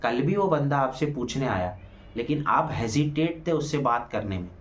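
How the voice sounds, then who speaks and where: This man's medium-pitched voice has lively intonation and normal speed as he talks through a reality show episode in an informal review. He speaks animatedly, throws out rhetorical questions, repeats "ठीक है" often, and gets louder when performing quoted lines.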